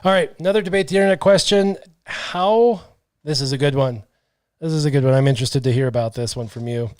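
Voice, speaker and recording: A man in his thirties hosts a podcast from a small brick-walled studio, speaking at a medium pitch and a quick pace. He chats casually and relaxed, reading out viewer comments through a headset and studio mic, with no room sound.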